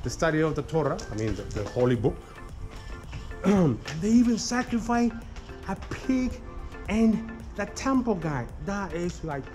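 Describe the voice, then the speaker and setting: A man's voice: high voice, very animated, a little slow, a little mellow, faint music behind, poor audio. A man giving a casual history talk as a tour guide, chatty, often calling listeners "guys" and restarting his sentences, recorded outdoors on a city street by a camera mic. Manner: chatty, addresses listeners as "guys", many "okay" and "right" tags; frequent restarts and small laughs.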